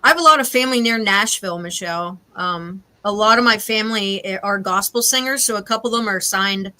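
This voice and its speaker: A woman co-hosting a casual live stream chat from home, chatty and quick to laugh. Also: mid-range voice, pushed and bright. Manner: chatty, laughs often, says y'all. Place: home with cats nearby.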